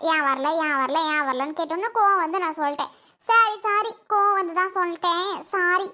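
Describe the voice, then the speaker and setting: A quarrelsome young woman who insists she spoke only the truth and demands money from her brother, as played by a woman. Her voice sits very high and bright, and her delivery is shrill and defiant throughout this family skit. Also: fairly quick.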